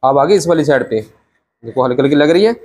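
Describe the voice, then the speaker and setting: In a small shop, a young barber talks to camera on a lapel mic while teaching a haircut step by step, chatty and brotherly with frequent "theek hai"s. His voice is on the high side, a little mellow and slightly rough, and he speaks briskly and expressively.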